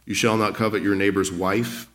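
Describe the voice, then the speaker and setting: A man's voice: on the low side, fairly even intonation, normal speed, a bit bright. A man pastor preaching a sermon, building to emphatic points with rhetorical questions.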